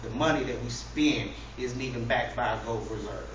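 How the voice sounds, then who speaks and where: A man of mid-range voice speaks at a normal speed, addressing an audience with humor and informality in a preacher-like, mock-earnest way. As a public speaker, he is in an echoey indoor room with people listening. The muffled, noisy recording comes from a distance and is very echoey.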